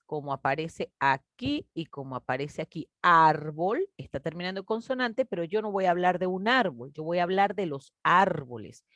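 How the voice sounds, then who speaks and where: A woman teacher, patiently explaining a grade-school grammar lesson and stretching out example words slowly. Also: fairly low pitch, no echo. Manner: patient, explanatory, addresses children warmly as "mis niños".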